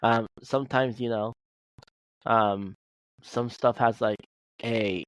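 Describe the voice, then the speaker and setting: A man's voice: medium pitch, fairly even intonation, slow pace, clean tone, no room sound, low-quality recording. Guy rambling on a podcast, lots of um and like, dry sound. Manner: rambling, many restarts and fillers. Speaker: podcast co-host. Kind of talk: casual chat.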